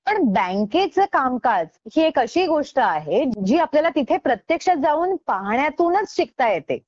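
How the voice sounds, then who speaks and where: Woman radio host, high voice, scripted educational chat, dry and dull studio sound. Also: sing-song, moderate pace, darkish tone, no room sound. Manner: explanatory, addresses co-host by name.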